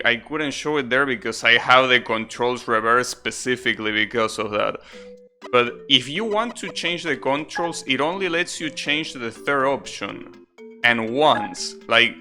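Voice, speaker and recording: Over video game music, a game streamer offers casual, rambling live commentary, chatting and explaining as he plays. His voice is medium-pitched, pushed and bright.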